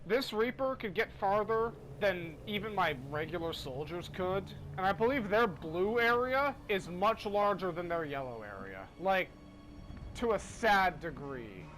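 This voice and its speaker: A man's voice: sits high, lively intonation, unhurried, a bit bright, rough recording. A man giving casual, rambling, self-deprecating commentary while playing a video game. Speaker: gaming commentator. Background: faint game music.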